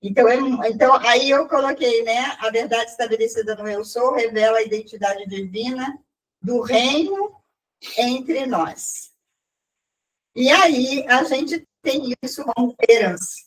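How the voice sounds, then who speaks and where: A woman giving a personal testimony to a church group, telling stories in an animated way and often repeating and restarting her phrases. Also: on the high side, measured pace, distant mic, a little hiss or hum, poor audio.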